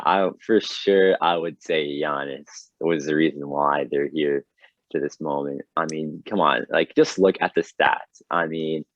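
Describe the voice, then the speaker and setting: A young man co-hosting a podcast in casual chat, excitable and rambling, laughing often as he talks. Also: low voice, dry recording. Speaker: podcast co-host. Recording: dull, dry lo-fi sound.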